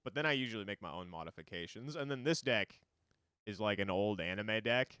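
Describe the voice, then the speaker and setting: A man's voice: fairly low pitch, animated, fairly quick, pushed and bright, clear, resonant tone, no echo, clean studio sound. A man streaming a card game, explaining it in loose, rambling casual talk full of fillers.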